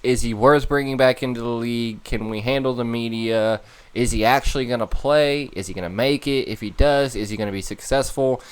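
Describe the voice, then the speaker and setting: A man co-hosting a laid-back podcast talks football with firm opinions. His voice is smooth and clear, and he stacks one question on another as he thinks aloud. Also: mid-range voice, fairly quick. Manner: opinionated, asks many questions. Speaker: podcast co-host. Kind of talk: casual chat.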